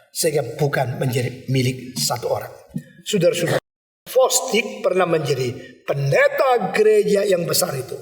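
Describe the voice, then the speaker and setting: A male pastor preaching a sermon, animated and emphatic, now and then mixing in English words. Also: on the high side. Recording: echoey hall from a distance.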